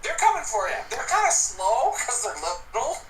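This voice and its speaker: Lively man running a tabletop game. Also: very high-pitched, normal speed, reverberant, far from the mic, a little hiss or hum, poor audio. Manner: animated, laughing, yelps creature cries. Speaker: game master.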